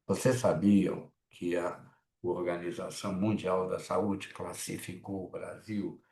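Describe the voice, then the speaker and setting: A gravelly, mellow-toned man with a Mineiro accent gives a class in a chatty, blunt manner, breaking into lively asides. He sounds middle-aged, and his voice rings in an echoey room. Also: low voice, slow pace. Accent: Mineiro Brazilian Portuguese. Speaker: psychoanalysis teacher. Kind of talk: online class talk.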